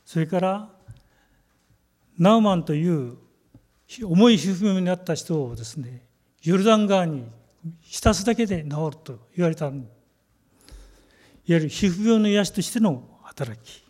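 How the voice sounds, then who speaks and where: A man delivers a sermon in a fairly high but mellow voice. His phrasing is measured and deliberate, and he slows down to stress key words. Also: expressive. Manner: measured, emphatic preaching with slow stressed phrases. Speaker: pastor.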